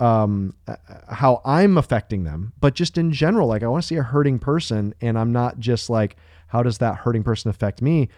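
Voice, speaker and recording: A man's voice: medium pitch, darkish tone, no room sound, clean studio sound. Earnest man explaining on a podcast. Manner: thinks aloud with restarts. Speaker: podcast co-host. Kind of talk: casual podcast discussion.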